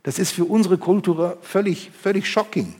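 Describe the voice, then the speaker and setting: A man preaching a sermon and reading from the Bible, moving between loud emphasis and hushed, intimate passages. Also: sits high, moderate pace. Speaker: pastor. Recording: long hall reverb.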